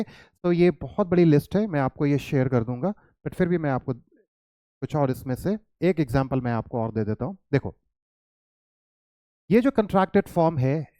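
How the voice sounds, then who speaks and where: A man's voice: a little high, warm tone, no echo, studio quality. An Indian man teaching an English lesson, mixing Hindi and English and quizzing his students with coaxing questions. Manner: coaxing, questions to students, calls them "child".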